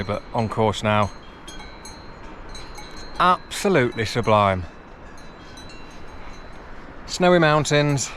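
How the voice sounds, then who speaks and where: Male hiker vlogger, medium pitch, off-the-cuff trail updates, faint outdoor background noise. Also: fairly bright tone. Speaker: hiker filming a vlog. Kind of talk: casual unscripted talk to camera.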